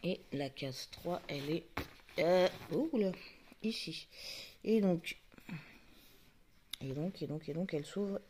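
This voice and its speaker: Woman vlogger, casual unboxing chat, very lively pitch, faint hiss behind. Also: slow pace, pauses often. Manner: chatty, talks to the camera focus, muttering asides. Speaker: YouTuber unboxing advent calendars.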